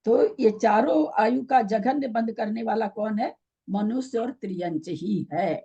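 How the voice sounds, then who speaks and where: A woman's voice: on the high side, measured pace, mellow, slightly rough, muffled recording. A woman teaching a scripture class online, questioning her students and patiently explaining by repeating the key terms.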